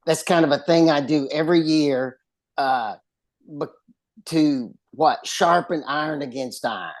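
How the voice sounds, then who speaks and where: A man's voice: on the high side, measured pace. A man with a West Texas twang, telling stories in casual conversation. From West Texas, United States. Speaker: lawyer and author, in conversation.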